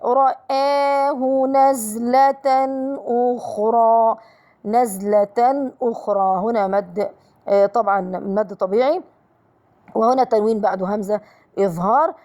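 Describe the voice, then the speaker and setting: A woman teaching a tajweed lesson, reciting verses in a slow drawn-out chant and then explaining the rules briskly, repeating words and syllables to show how they are pronounced. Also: mid-range voice, a little mellow.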